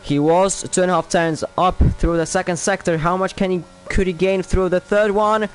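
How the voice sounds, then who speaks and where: A young man with a Polish accent calls a sim racing qualifying session live. His voice sits on the higher side for a man. He muses aloud between laps, then jumps up in energy each time a new lap time comes in. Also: flat delivery, brisk, slight background noise. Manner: lifts sharply and speeds up on lap times, otherwise thinks aloud. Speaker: sim racing league commentator. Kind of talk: live esports race commentary.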